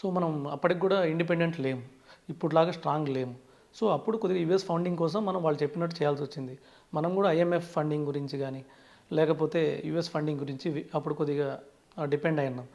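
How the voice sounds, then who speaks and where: A higher-pitched Telugu man explains things in an interview, mixing Telugu with English terms and often opening his sentences with "so". His delivery is fast and steady, with a gravelly, darkish tone.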